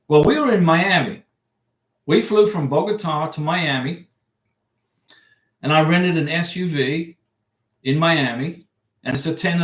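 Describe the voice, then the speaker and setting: This is a casual livestream in a home room, where an American man gives visa advice and rambles through answers to viewers' comments. He speaks in a fairly high pitch, with noticeable reverb.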